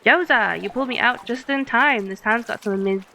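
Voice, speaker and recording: Quippy rescued game villager, hungry and cheerful, read by a woman, quick and lightly bright. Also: fairly high pitch, faint music behind. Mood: perky. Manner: reading game dialogue aloud, brisk.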